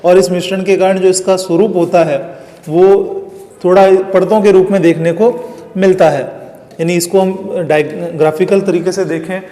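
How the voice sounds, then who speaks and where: Male teacher, high voice, long hall reverb; explains step by step, answers his own questions. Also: little pitch movement, moderate pace, warm tone. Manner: draws diagrams while talking. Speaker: geography teacher. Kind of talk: classroom lecture. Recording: echoey, reverberant room.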